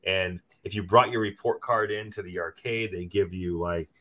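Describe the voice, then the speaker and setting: A man in casual conversation, reminiscing in a relaxed way. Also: deep voice, moderate pace. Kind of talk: casual chat.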